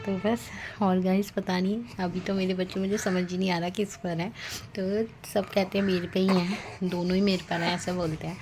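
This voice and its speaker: A young woman, a mother of twins, chatting casually at home in a vlog and speaking softly at times. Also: fairly low pitch, flat delivery, moderate pace, background noise. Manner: chatty and affectionate, soft-spoken while babies sleep.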